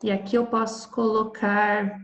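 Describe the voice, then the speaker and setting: A Brazilian woman teaching children in a recorded video lesson, gentle and patient, explaining step by step. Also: medium pitch, little pitch movement, unhurried. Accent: Brazilian Portuguese. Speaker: primary school teacher. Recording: echoey room.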